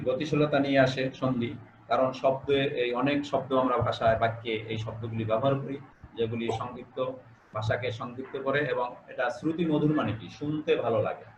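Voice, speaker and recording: A man's voice: medium pitch, reverberant, muffled recording, background noise. A male teacher giving an online class, explaining step by step, repeating key phrases and putting questions to his students. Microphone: video call.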